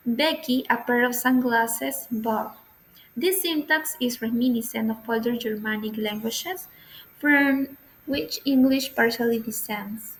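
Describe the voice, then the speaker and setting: A woman giving a class presentation, reading a prepared script from slides in a slow, careful way. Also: on the high side, fairly bright tone, rough recording. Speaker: student presenter.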